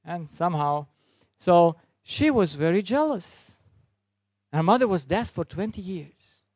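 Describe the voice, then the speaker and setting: A man's voice: high-pitched, expressive, unhurried, darkish tone, dry recording. Earnest man speaking at a sermon. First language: German. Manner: non-native English, some broken grammar. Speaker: doctor and speaker. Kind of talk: sermon-style talk with a story.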